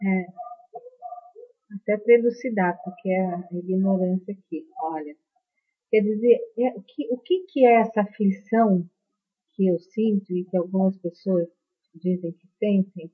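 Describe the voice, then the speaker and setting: A woman in a spiritual session puts a question to her teacher, her husky voice pausing and restarting as she searches for words. The sound is thin and phone-like. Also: mid-range voice. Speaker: attendee asking a question. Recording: tinny phone-like recording.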